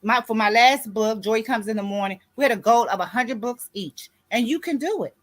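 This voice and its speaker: A woman's voice: fairly high pitch, a little fast. A woman in her sixties speaks as a grief coach and author giving a motivational talk. She sounds preachy and keeps checking in with her listeners. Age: 60s. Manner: preachy, repeats "you see what I'm saying".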